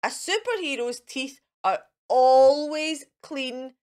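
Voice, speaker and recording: Woman as eager, high-voiced Mister Wolf, would-be superhero. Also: takes it slowly, a little mellow, smooth. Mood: proud. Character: eager, boastful male cartoon wolf playing superhero.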